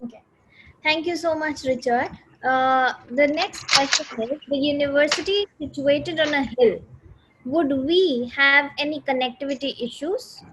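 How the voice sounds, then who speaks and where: A woman's voice: high voice, moderate pace, fairly bright tone, slight background noise, poor audio. A woman moderating a live orientation webinar, politely reading out viewers' questions.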